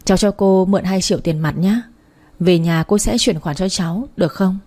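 A woman voicing a brash, talkative older woman who scolds bluntly and loudly, in a read-aloud story. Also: fairly low pitch, natural voice. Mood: wheedling. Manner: blunt, scolding, quick to shout.

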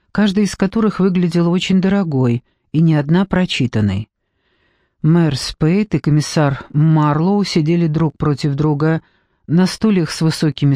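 A man narrating an audiobook in an even, measured storytelling manner. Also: a little high, no room sound. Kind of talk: scripted narration.

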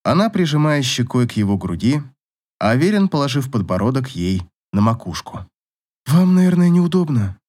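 A man reading an audiobook novel as narrator, in an expressive scripted style. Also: mid-range voice, a little fast.

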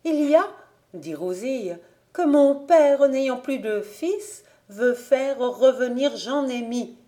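A woman's voice: high voice, animated, takes it slowly, dark tone, voice pushed up. Woman voicing an eager young peasant girl. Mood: earnest.

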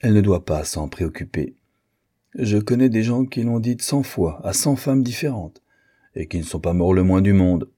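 A man reading an audiobook, voicing an older aristocratic marquise with an ironic, teasing manner and a husky voice. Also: lowish voice, lively intonation, moderate pace, dark tone. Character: older aristocratic French marquise, witty and worldly.

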